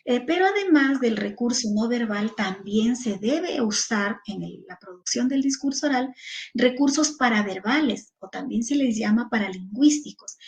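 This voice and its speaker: A woman with a Peruvian Spanish accent lectures a class of teachers, working through one point at a time. She lists examples one by one and fills her pauses with little hesitations. Her voice sits somewhat high. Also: vocal fry, darkish tone, low-quality recording.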